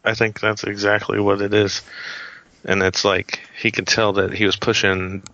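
Deep-voiced male podcast co-host, bright tone. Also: flat delivery, moderate pace, dry recording, lo-fi sound. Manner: laid-back, frequent agreeing murmurs. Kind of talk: casual chat.

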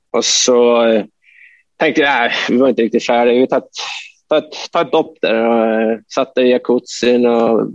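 A man's voice: medium pitch, a little mellow, no echo. A man, a hockey player as guest, telling anecdotes in a loose, chatty way with frequent swearing. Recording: dry, slightly dull recording.

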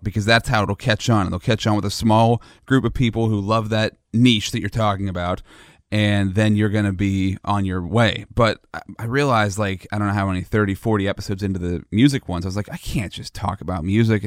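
A man's voice: lowish voice, fairly even intonation, brisk, dry recording, studio quality. A man hosting a podcast, chatting casually, self-deprecating and laughing easily. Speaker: podcast host. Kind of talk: casual chat.

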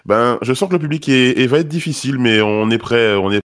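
A man's voice: medium pitch, fairly quick. A man presenting an award with a prepared humorous speech and casual asides.

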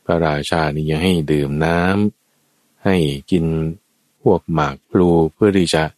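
A man preaching a Buddhist sermon as a lively story, addressing his listeners and acting out the characters. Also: a little slow, dry recording. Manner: lively storyteller, acts out quoted characters with sudden high shouts. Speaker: dharma preacher.

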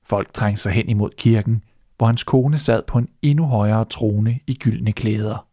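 Man calmly reading a fairy tale. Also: lowish voice, no echo, studio quality. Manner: steady, even narration. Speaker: storyteller. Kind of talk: storybook reading.

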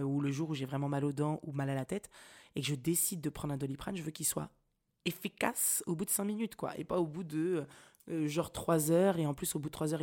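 A young woman hosting a podcast, telling a personal story in a casual, slangy, animated way and laughing often. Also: low voice. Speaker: podcast host.

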